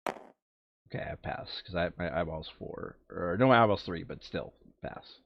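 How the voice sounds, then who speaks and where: A low-pitched man speaks at a measured pace while playing a board game, casually thinking aloud about his moves and muttering counts. The highs are cut off, and a little hiss or hum can be heard.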